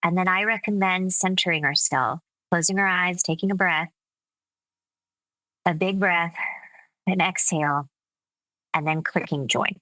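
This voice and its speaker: A woman speech coach speaks slowly and deliberately, her voice bright and forward. She explains things step by step in a measured interview manner. The sound is dry and close, with no room around it. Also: fairly low pitch, dry recording, poor audio. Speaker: speech coach and accent specialist. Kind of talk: conversational interview.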